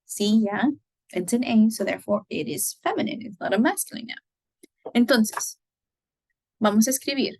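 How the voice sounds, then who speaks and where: A woman teaching Spanish grammar, giving example sentences slowly and checking in with "right?" as she goes. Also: on the high side, darkish tone, dry recording, rough recording. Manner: slow, careful model sentences, frequent "right?" checks. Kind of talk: explaining grammar.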